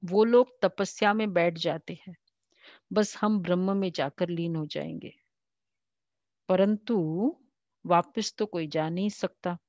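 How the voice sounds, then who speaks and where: An Indian woman giving a devotional class, slowly reading and explaining scripture, raising her voice when she quotes. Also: fairly low pitch, fairly even intonation, a little mellow, no room sound, lo-fi sound. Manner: slow, explanatory, quotes the Father in a raised voice. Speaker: spiritual teacher.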